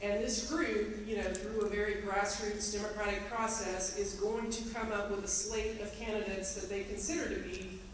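At a teachers' association meeting, a woman gives a chatty, earnest talk to educators, full of ums and you-knows. Her medium-pitched voice barely moves in pitch, keeps a moderate pace, and hardly pauses. The recording is distant, in a roomy, echoey hall with ambient noise.

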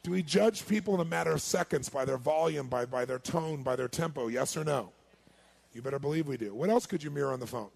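A man giving a sales seminar, firing rhetorical questions at his audience and swinging between loud and hushed delivery. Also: fairly high pitch, fast, creaky, breathy edge. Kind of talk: live seminar talk to an audience.

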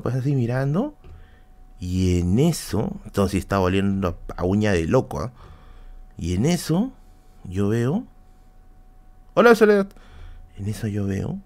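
A man's voice: fairly low pitch, warm tone. A man with a Peruvian accent telling a personal anecdote on a live stream, casual and slangy, with many fillers and asides to the audience. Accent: Peruvian Spanish.

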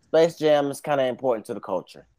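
A man's voice: mid-range voice, expressive, quick pace, mellow. An American man in a casual podcast debate, reasoning aloud in colloquial speech.

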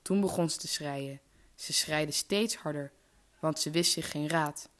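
A woman reading a fairy tale aloud in a measured, even storytelling manner. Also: deep voice.

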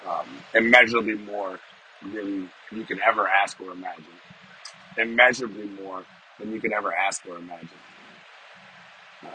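A man with a smoker's voice giving an informal, off-the-cuff devotional, speaking haltingly and repeating phrases for emphasis inside a car. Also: low voice, bright, forceful tone, a little hiss or hum, low-quality recording. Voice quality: smoker's voice with occasional cough. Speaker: podcast host giving a devotional. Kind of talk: informal off-the-cuff sermon and prayer. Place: inside a parked small car.

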